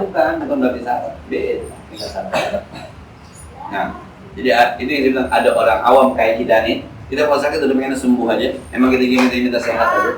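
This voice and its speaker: A man giving a casual, joking Islamic study lecture in a mosque. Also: medium pitch. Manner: casual, joking, slangy teaching. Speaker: Islamic teacher. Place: mosque hall. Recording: echoey hall, distant mic, faint noise.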